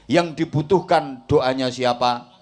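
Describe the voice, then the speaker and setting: Speaking slowly at medium pitch, the middle-aged preacher with a Javanese accent jokes through an Islamic sermon, poking fun at the village crowd listening to him.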